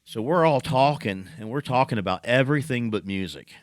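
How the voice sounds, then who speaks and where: A man co-hosting a casual podcast, telling stories in an animated way and laughing often. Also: medium pitch, a little fast, no room sound, clean studio sound. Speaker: podcast co-host. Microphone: studio podcast mic.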